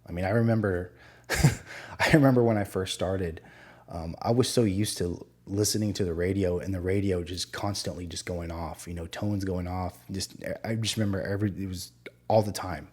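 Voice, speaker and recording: Husky, low-voiced man telling his story. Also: fairly even intonation, moderate pace, a little mellow. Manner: candid, profane, self-reflective with frequent fillers. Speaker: podcast host. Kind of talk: casual personal storytelling.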